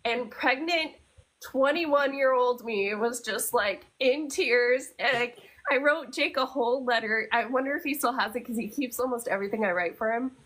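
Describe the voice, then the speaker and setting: A young adult woman co-hosts a podcast, telling stories in a loose, chatty way packed with fillers. Her voice sits on the high side with a fairly bright tone at a normal speed, though the recording quality is low.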